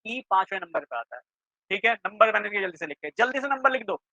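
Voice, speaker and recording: A man teaching a reasoning class for exam prep, quizzing students with quick questions and checking often that they follow. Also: sits high, expressive, pushed and bright, dry recording. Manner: keeps checking in with students, asking "clear?". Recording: dry, slightly dull lo-fi sound.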